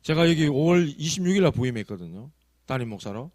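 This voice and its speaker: Storytelling Korean pastor with lively pitch. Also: male voice, quick pace, dry recording. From South Korea. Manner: storytelling, conversational with rising emphasis. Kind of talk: sermon. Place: church sanctuary.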